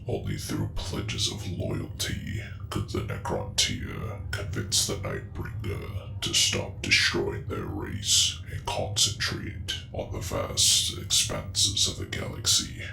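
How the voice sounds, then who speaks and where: A man acting out a gruff space marine in a whispered role-play, extremely deep and full of gravel. He recites old war lore slowly and solemnly, in a roomy echo with music behind him. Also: sharp tone, full character voice.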